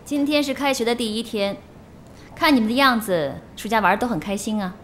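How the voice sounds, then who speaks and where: An actress playing a strict high school teacher who sternly lectures her class in a TV drama. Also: brisk, fairly bright tone, slight background noise, natural voice. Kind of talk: TV drama acting.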